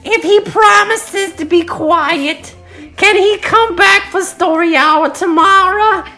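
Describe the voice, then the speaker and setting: A sweet little girl from a children's storybook, as a woman reader puts her on. The voice is lifted very high and drawn out slowly, gentle and polite. Faint music plays behind. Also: heavily acted. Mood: pleading.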